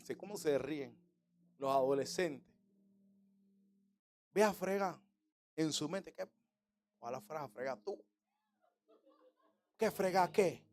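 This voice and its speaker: A man's voice: a little high, darkish tone. A middle-aged man, preaching a sermon with humor and rhetorical questions. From Panama. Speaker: pastor.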